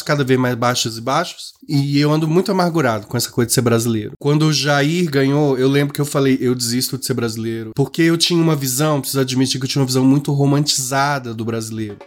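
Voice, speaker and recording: A Brazilian man co-hosting a podcast in casual chat, wry and dramatic as he tells stories. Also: medium pitch. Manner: wry, dramatic storyteller, playful. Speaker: podcast co-host.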